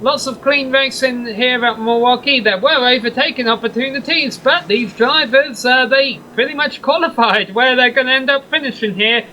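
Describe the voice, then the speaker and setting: Male sim racing play-by-play man, high and bright, chatty with wry asides. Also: moderate pace, few pauses, a little hiss or hum, rough recording. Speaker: race commentator.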